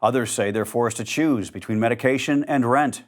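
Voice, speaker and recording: A man anchors the news, reading a script in a measured, even newsreader style at a medium pitch.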